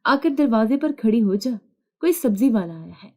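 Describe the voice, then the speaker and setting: A woman doing a bossy, spiteful older mother-in-law in an audio story, scolding and taunting her household in a soft, mellow voice. She sounds sharp-tongued and sure of herself. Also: on the high side, animated. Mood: commanding.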